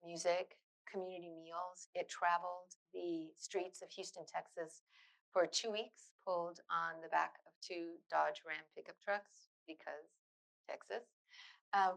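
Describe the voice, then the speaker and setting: A middle-aged woman giving a public lecture in a university auditorium, earnest and thoughtful, often pausing on fillers and restarting phrases. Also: fairly low pitch, gravelly, rough recording. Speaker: guest lecturer.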